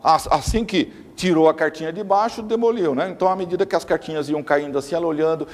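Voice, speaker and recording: A man's voice: a little high, quick pace. A man giving an emphatic lecture, often repeating words for stress. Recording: long reverb of a hall.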